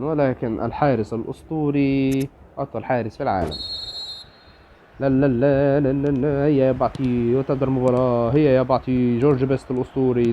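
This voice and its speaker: A man with an Egyptian Arabic accent giving excitable live commentary on his own football video game match, cheering and groaning at the play. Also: mid-range voice, a little hiss or hum. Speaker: gamer.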